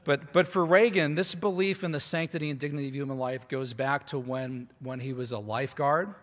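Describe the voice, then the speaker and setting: A man addresses a conference audience from a podium microphone, his voice at a middling pitch with a long reverb trailing behind it. He speaks with emphasis, doubles words as he restarts, and breaks off to put questions to the room. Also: steady tone, a little fast, fairly bright tone. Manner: emphatic, often repeats words when restarting; talks directly to the audience with asides. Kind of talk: conference lecture. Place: large conference hall.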